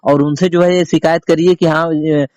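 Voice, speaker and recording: Speaking at normal speed with little pitch movement, the man has a slightly high, slightly mellow voice and no echo around it. He's a reporter on a recorded phone call, hammering his interviewee with repetitive, emphatic, insistent questions.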